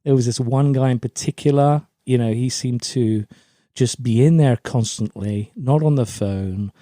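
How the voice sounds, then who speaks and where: A middle-aged man from Germany who grew up in a British forces family appears as a podcast guest and LinkedIn brand coach. His medium-pitched, mellow voice moves at a moderate pace in clean studio sound with no room noise, and his answers are chatty and anecdotal.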